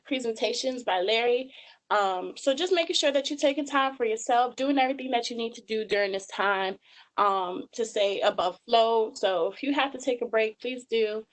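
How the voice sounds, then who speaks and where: Over a rough recording, a Georgia woman in her 20s talks through webinar slides with earnest delivery and frequent ums. Her voice sits a little high and sounds a bit bright.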